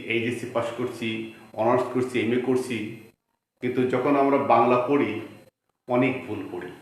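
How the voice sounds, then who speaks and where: A man with a Bangladeshi Bengali accent teaching a grammar lesson, explaining slowly, repeating words and asking rhetorical questions. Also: medium pitch. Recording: very echoey room.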